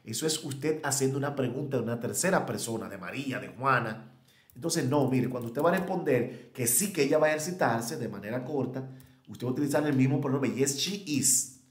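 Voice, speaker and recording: A man's voice: mid-range voice, fairly quick. A man giving a recorded online English lesson, thinking aloud, correcting himself and modeling question intonation. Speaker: English teacher. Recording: echoey room.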